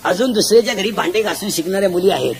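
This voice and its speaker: A man preaching a humorous devotional sermon, punchy and jokey, quizzing the crowd with sharp calls. He speaks into a stage mic at an outdoor gathering. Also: high voice, very fast, gravelly. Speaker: kirtan preacher. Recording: loud crowd and heavy background noise.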